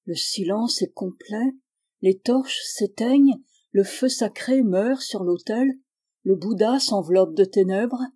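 A woman calmly narrating a novel in a measured storytelling voice. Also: mid-range voice. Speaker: audiobook reader.

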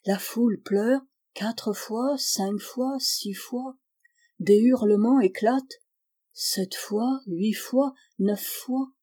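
A woman calmly narrating a novel in a measured storytelling voice. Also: a little high. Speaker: audiobook reader.

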